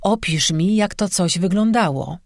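A secretive male monster hunter, calm and terse, read by a man narrating a storybook. His lines are short and commanding, delivered steadily. The sound is dry and close. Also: high voice, unhurried, no echo. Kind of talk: audiobook character voice.

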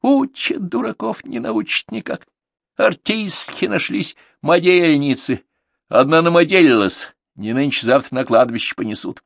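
A man voicing a loud, scolding village mother who shouts at her daughters in an audiobook. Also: mid-range voice, animated, moderate pace, no room sound, clean studio sound, pitched above the performer's own voice, close to an everyday voice. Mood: furious.

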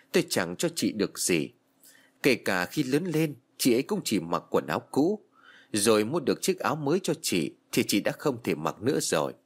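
A man telling a first-person ghost story as narration, reading with emotion and heart. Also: on the low side. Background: faint music.

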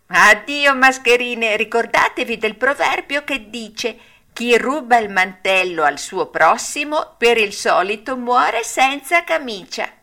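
A woman's voice: fairly high pitch, expressive, measured pace, sharp tone, voice pushed up, exaggerated voice. A woman doing a cheeky wooden puppet boy. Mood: mocking. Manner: scolding, mocking.

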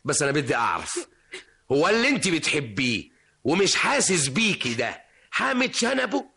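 A cheeky, mock-innocent young man in a vintage Egyptian radio play. His bright, slightly high voice coaxes and teases. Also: very animated, normal speed, vocal fry, breathy edge, heavily acted. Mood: teasing. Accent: Egyptian Arabic. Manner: teasing, coaxing. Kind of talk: vintage radio drama acting.

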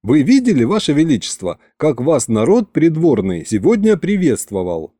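A man doing a cheeky flattering young courtier. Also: a little high, moderate pace, no room sound, studio quality. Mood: eager flattering. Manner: eager, flattering and excitable.

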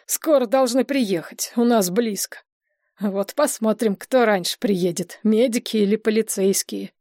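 A woman voicing a stout resort guard, blunt and loud, speaking plainly. Dry, close audiobook sound. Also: medium pitch, measured pace, no echo, natural voice. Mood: matter-of-fact.

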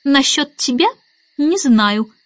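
A woman reading an audiobook and voicing a haughty, sharp-tongued nanny who speaks in a clipped, disdainful way. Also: high voice, sing-song, normal speed, dry recording, lo-fi sound, pitched above the performer's own voice.

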